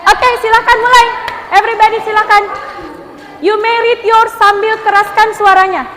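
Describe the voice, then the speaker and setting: A young woman from Indonesia tutoring children at a library read-aloud, switching between Indonesian and English and reading the story slowly and clearly. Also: extremely high pitch, little pitch movement, bright, forceful tone. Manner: mixes English and Indonesian, slow deliberate reading. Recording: chatter of children around the speaker. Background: noisy group of children.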